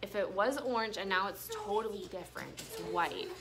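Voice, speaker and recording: In a classroom full of pupils, a woman with a mid-range, expressive voice teaches an elementary vocabulary lesson at a moderate pace. She explains words and reads aloud interactively, often prompting with questions and checking in with the children.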